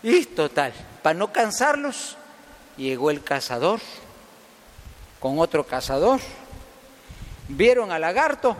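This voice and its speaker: A man preaching a sermon and telling a fable to his listeners, hushing them and putting on voices for the animals. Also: fairly high pitch, sing-song, takes it slowly, pauses often, slight background noise. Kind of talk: sermon storytelling. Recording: long reverb of a hall.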